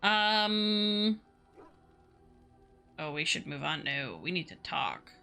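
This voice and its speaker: A woman's voice: on the low side, sing-song, takes it slowly, bright, forceful tone. A woman streaming a game, informal and sweary, muttering to herself and reading dialogue choices aloud. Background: game music.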